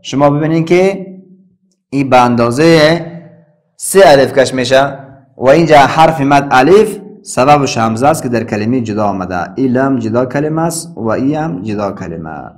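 A man with an Afghan Dari accent teaching a Quran class, spelling out letters and vowels slowly and chanting the verses. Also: mid-range voice, animated. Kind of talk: classroom recitation lesson.

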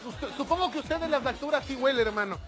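A man's voice: very high-pitched, fast, loud music behind the voice. A man hosting a live morning TV show, jovial and exclaiming as he sends greetings to viewers. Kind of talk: lively studio banter. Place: TV studio kitchen set.

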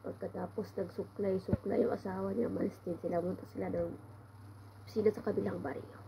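A woman's voice: mid-range voice, steady tone, brisk, creaky, background noise. A woman with a cold-congested voice tells a rambling, casual story at home, sighing often as she complains. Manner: meandering, with frequent sighs of complaint. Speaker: vlogger.

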